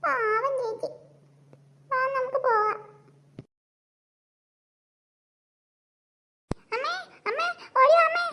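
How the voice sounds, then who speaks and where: A woman voicing a caring, excitable little sister in a cartoon, fussing in a squeaky voice. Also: brisk. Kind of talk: Malayalam cartoon dubbing.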